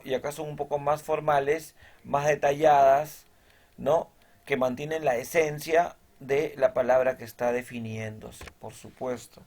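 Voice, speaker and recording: A male teacher giving a recorded lesson. He explains step by step, checks in with his students after nearly every point and reads definitions from the text aloud. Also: mid-range voice.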